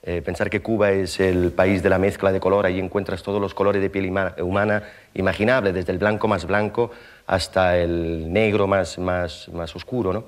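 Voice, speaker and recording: A man's voice: sits low, normal speed. Man telling a comic stage monologue. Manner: animated storyteller with mouth sound effects; conversational, with frequent tag questions. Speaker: stand-up comedian. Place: theater stage.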